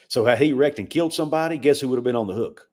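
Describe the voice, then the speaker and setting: A man's voice: mid-range voice, fast, a little mellow. A man co-hosting a sports livestream, talking casually and often repeating words as he makes a point. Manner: conversational, repeats words when emphatic. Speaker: sports podcast co-host.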